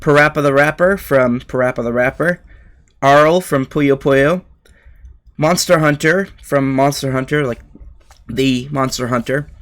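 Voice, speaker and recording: Young male streamer with a slightly high voice, hyped and rambling, loose filler-heavy delivery from home. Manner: excited, rambling with many fillers. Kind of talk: live reaction stream.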